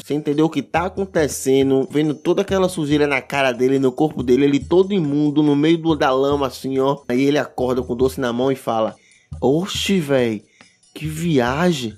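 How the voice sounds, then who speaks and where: A man's voice: medium pitch, darkish tone. A man with a Bahian Brazilian accent hosts a podcast in a casual, comedic monologue, using street slang, swearing and emphatic repetition. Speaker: podcast host.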